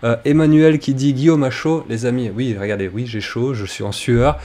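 A man's voice: medium pitch, moderate pace, mellow. A French man hosting a live web show, friendly and reading viewer comments aloud. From France. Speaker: host.

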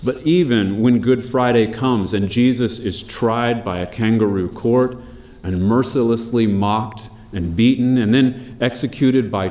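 A man preaching a sermon, measured and emphatic, slowing down on key phrases. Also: mid-range voice, darkish tone, echoey room. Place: church.

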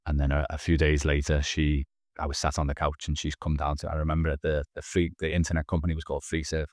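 In a quick, monotone bass voice with a darkish tone, a man in his thirties candidly relates his own story as a podcast guest, earnest and often restarting his words. He joins over a video call wearing headphones from a small indoor room; the recording is dry with clean studio sound.

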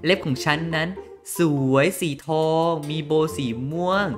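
A man voicing a vain, boastful young woman beauty queen in a comedic game role-play, with a shrill, dramatic, squealing manner. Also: steady tone, a little slow, close to an everyday voice. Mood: indignant. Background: game music.

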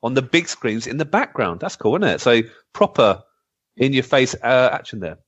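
A man with a mid-range, somewhat bright and very animated voice co-hosts a casual retro gaming podcast at normal speed, chatting and reading listener comments aloud. The voice recording sounds dull and lo-fi.

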